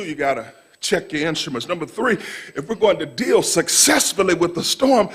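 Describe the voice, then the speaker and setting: A middle-aged man preaching a call-and-response sermon in a church, repeating phrases and shouting for emphasis. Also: fairly high pitch, breathy edge. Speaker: pastor. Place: church sanctuary.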